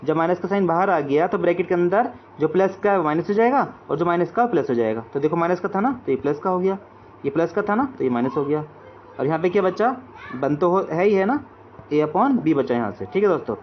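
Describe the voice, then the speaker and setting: A man's voice: high-pitched, lively intonation, fairly quick. A man teaching math, explaining each step and checking in with his students. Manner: repeats check-in phrases like "okay friends". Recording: dull lo-fi audio with faint hiss.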